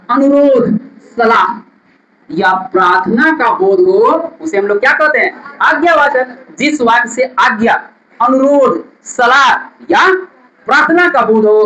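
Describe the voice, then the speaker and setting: A man's voice: very high voice, pushed and bright, roomy sound, rough recording. A male teacher, giving a classroom grammar lesson, repeating definitions and quizzing his students.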